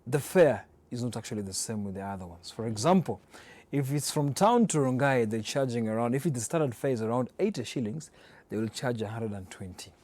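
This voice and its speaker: A man's voice: medium pitch, animated, fairly quick, a little mellow. Kenyan man hosting a conversational interview. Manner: chatty, interjects often with affirmations.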